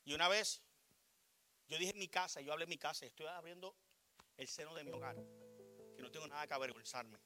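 Puerto rican pastor preaching, kinda high bright voice, soft music behind him. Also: male voice, fairly quick, pauses often. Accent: Puerto Rican Spanish. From Puerto Rico. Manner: swings from loud preaching to soft asides. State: short of breath. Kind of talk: sermon.

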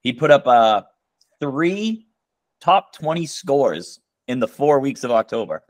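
A man on a friends' podcast who reads off records and standings. He slips in jokes at the others' expense. His voice is mid-pitched and recorded close and dry. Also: big pitch swings, takes it slowly, dry recording. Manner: teasing, stats-minded. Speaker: podcast co-host. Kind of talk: casual chat among friends.

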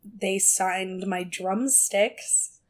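An American woman co-hosting a podcast in casual, joking banter, her voice raspy like a longtime smoker's and hoarse from a sore throat. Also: medium pitch, fairly even intonation, extremely slow. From California, US. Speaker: podcast co-host.

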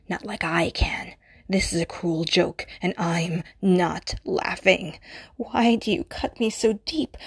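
A woman with a slightly high, darkish voice plays an obsessive, possessive stalker who kills for love in an audio roleplay. She speaks intimately, often dropping into a menacing whisper.

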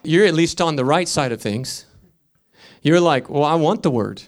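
Male pastor, fiery sermon delivery, rhythmic repeats, slightly high voice. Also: lively intonation, normal speed. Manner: impassioned preaching, swinging from loud emphatic peaks to quiet storytelling; repetitive, rhythmic emphasis.

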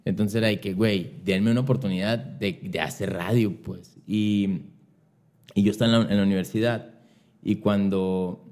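A young man with a Mexican accent tells stories as a guest on a podcast. His voice sits a little low, and his talk is loose, slangy and animated. He slips into other people's voices as he recounts events. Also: moderate pace. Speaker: guest, radio announcer and songwriter. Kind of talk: casual storytelling chat.

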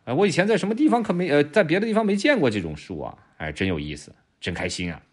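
A man voicing a curious, cheerful male donkey in a children's story, musing softly as he looks around. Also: a little high, very animated, slightly rough, voice pushed up. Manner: musing, slow and soft.

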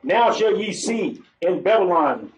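A man reading scripture aloud in a steady, formal way during a street sermon. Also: high-pitched, a little slow, echoey room, slight background noise, rough recording. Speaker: scripture reader.

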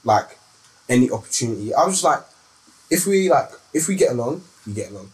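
A man with a medium-pitched voice and a London roadman accent chats casually about himself. His phrasing is laid-back and slangy, halting and circling back on itself. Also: very animated, darkish tone, poor audio. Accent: London, urban multicultural street slang. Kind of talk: casual personal group chat.

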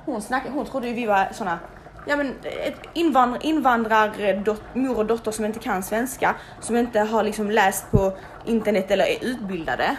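A young woman telling a story in casual, animated speech, swearing freely and acting out the people she quotes. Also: mid-range voice, slight background noise.

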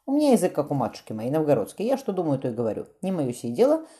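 A woman's voice: low-pitched, wildly swooping pitch, racing, dark tone. A woman voicing a bold, frank young noblewoman with a teasing manner in an audiobook.

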